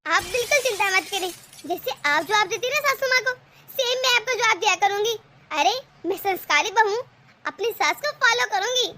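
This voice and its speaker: A woman's voice: very high-pitched, lively intonation, fairly quick, bright, forceful tone, slight background noise, full character voice. A woman voicing a clever young daughter-in-law in a cartoon, sweetly polite but cheeky. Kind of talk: animated cartoon voice acting.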